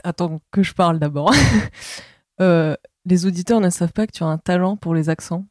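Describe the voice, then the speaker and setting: A woman's voice: lowish voice, moderate pace, darkish tone, dry recording. Woman host, playful and teasing, dry close mic, casual interview. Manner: teasing, laughs often. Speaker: podcast host.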